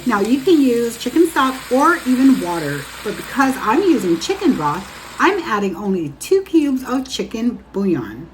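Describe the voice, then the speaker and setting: A woman's voice: fairly high pitch, big pitch swings, moderate pace, hardly any pauses, a little hiss or hum, low-quality recording. A woman from Guam hosting a home cooking show, narrating a recipe in a chatty, instructional way and speaking straight to viewers.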